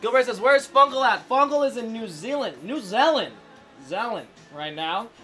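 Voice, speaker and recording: Brief: excitable male stream host, high bright voice, casual and profane, pitching donations to viewers. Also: normal speed, faint music behind. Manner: loose, excitable, swears freely, reads viewer chat aloud. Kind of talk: casual live-stream chat while cooking.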